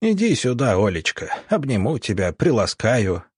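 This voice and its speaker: A man's voice: mid-range voice, huge pitch swings, moderate pace, slightly rough, dry recording, clean studio sound. A man voicing a sleazy, scheming male military doctor who talks smugly and wheedles, then snarls when cornered. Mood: wheedling.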